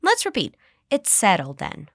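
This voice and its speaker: Woman host, English teacher, animated pitch, dry close mic, spells out phrases slowly. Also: dry recording. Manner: cheerful, slow model phrases to repeat. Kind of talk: scripted language lesson.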